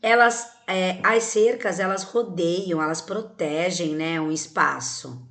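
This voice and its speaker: A woman with a Brazilian Portuguese accent, teaching young schoolchildren in a recorded video lesson. She explains patiently and step by step, asking questions and checking in with the children. Her tone is gentle and fond, and she uses diminutives. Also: medium pitch.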